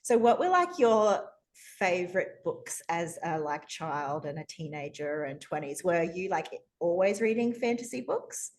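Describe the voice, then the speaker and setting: A woman's voice: fairly low pitch, sing-song. A woman hosting an interview show over a video call, upbeat and gushing as she asks questions. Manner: upbeat, gushing, quick to laugh. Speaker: podcast host. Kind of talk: casual interview chat.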